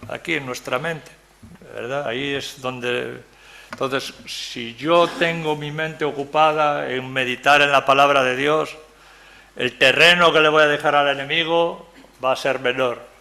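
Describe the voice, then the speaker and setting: An older preacher from Galicia, Spain speaks at a measured pace with fairly even intonation, his mid-range voice creaky and sharp. Giving a Bible study sermon in a church meeting room, he stays conversational, jokes with the audience and keeps asking "¿verdad?"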